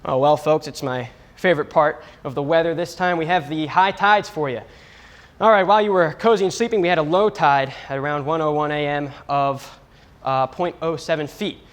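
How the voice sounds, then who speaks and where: This comic weather report comes from a young substitute presenter whose voice sits a little high and moves at a moderate pace. He clowns around, mocking himself with exaggerated seriousness.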